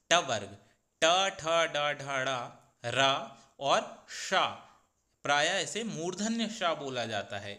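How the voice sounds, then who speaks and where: A man teaching a grammar lesson, slowly sounding out each letter in turn. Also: on the high side, bright, forceful tone.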